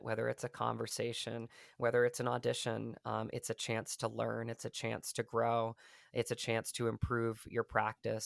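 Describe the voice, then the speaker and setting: This podcast guest is an actor whose medium-pitched voice has a creaky quality, recorded at studio quality with no room sound. In a casual interview, he talks earnestly and at length, with plenty of fillers and restarts.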